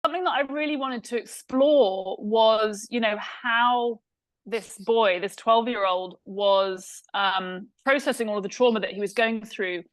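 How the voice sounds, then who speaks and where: A woman's voice: a little high, measured pace, no room sound, poor audio. A woman from England with an English accent, a film director answering interview questions thoughtfully, with many fillers and restarts.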